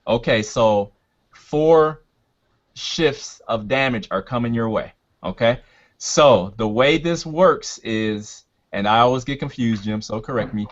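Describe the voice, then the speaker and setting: Halting male game master, dull lo-fi sound. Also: mid-range voice. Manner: halting, thinking aloud, checking rules. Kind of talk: casual narrating and refereeing of a tabletop game.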